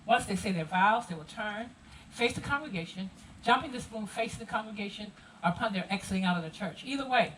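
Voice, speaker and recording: Animated Gullah Geechee woman presenter. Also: medium pitch, quick pace, recorded from a distance, background noise. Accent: Gullah Geechee, South Carolina Low Country. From coastal South Carolina. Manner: animated, rhythmic storytelling with audience call-and-response. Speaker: cultural presenter. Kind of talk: live heritage presentation to visitors.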